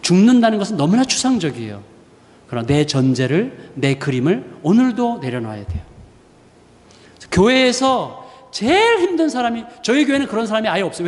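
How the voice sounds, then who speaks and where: A man's voice: high voice, long reverb tail. A man in his forties preaching a sermon as a pastor, telling stories with acted-out quotes and humorous asides. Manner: storytelling with lively acted-out quotes; self-described short-tempered, humorous asides. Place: church sanctuary.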